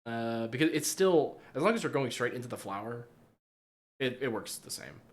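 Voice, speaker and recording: Casting note: podcast co-host, man, lively pitch, relaxed and halting. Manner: relaxed, halting explanations with restarts. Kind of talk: casual comedic chat.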